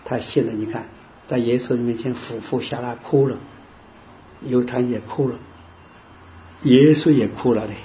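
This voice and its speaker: Guy running a bible study, talks real slow, asks the group questions, kinda dull lo-fi sound. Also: mid-range voice. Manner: quizzes listeners and quotes verses slowly. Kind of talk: informal Bible study teaching. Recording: dull lo-fi with faint hiss.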